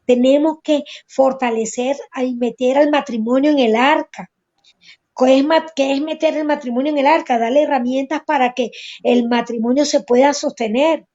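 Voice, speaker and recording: A woman's voice: high voice, steady tone, moderate pace, mellow. A woman on a religious talk show who speaks urgently and piles up rhetorical questions. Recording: dull lo-fi audio.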